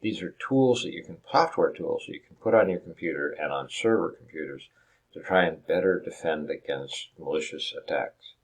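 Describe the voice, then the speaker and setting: A man teaching a recorded lecture over slides, explaining step by step with frequent restarts and rhetorical questions. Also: low-pitched. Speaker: instructor.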